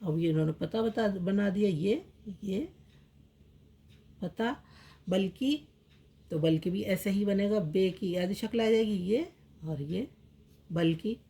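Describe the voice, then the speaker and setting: A woman teaching Urdu script in a slow lesson, repeating each word several times as she writes it out. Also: medium pitch, creaky, dark tone. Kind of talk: slow step-by-step language lesson.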